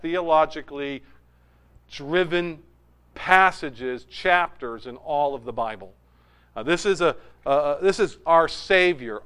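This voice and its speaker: High, smooth-voiced middle-aged male pastor. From New Hampshire, USA. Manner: animated storytelling, with humor and asides. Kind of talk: conversational sermon.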